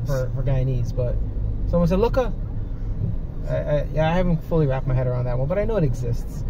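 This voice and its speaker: A man's voice: mid-range voice, quick pace. A man from the United States chatting casually and telling stories, often acting out quoted phrases. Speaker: visitor in conversation. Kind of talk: casual chat, storytelling. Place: inside a car on a road at night. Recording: noisy car interior with road noise.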